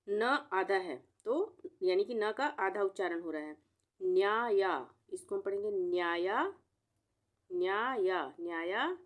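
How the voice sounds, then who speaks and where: A woman teaching a spelling lesson, breaking words into syllables and repeating each one slowly. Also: mid-range voice, darkish tone. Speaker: Hindi teacher.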